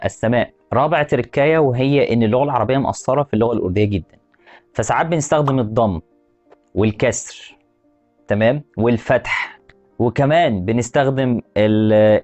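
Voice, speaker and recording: A man with an Egyptian Arabic accent teaching a language lesson, repeating example words slowly and asking the viewer questions. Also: medium pitch, darkish tone, dull audio. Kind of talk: explanatory lesson.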